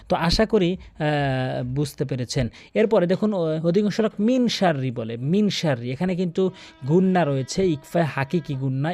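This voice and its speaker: A man teaching Quran recitation and pronunciation in Bengali, speaking earnestly and repeating the sounds slowly for practice. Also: fairly high pitch, mellow, dry recording. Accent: Bangladeshi Bengali. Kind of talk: tajweed pronunciation lesson.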